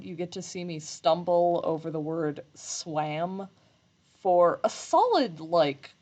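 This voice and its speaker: A woman sews while streaming live, chatting casually in a rambling, self-deprecating way, and her voice takes on slight vocal fry when she speaks low. The audio, from a desk microphone, sounds a little mellow and dull.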